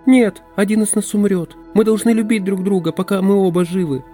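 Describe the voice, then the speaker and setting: Audiobook: male reader plays a desperate young forest woman, high and breathless. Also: steady tone, fairly quick, warm tone, faint music behind, lightly acted. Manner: pleading, breathless, intense.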